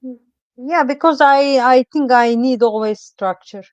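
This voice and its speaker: A woman's voice: high voice, measured pace, dry recording. A middle-aged woman from Turkey with a Turkish accent, a guest astrologer chatting over a video call in a hesitant, rambling way full of "I mean, like.". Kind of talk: casual interview chat. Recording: dull lo-fi sound.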